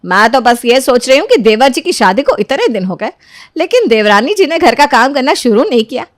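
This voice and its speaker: A woman voicing a proud, bossy young sister-in-law in a cartoon story, sharp-tongued. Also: high voice, big pitch swings, brisk. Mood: haughty. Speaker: Swati, elder sister-in-law.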